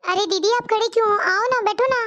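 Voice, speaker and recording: A woman voicing a polite, dutiful young married daughter-in-law in a cartoon story, with a high, squeaky voice. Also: fast talker, fairly bright tone, lo-fi sound. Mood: friendly. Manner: polite, pleading.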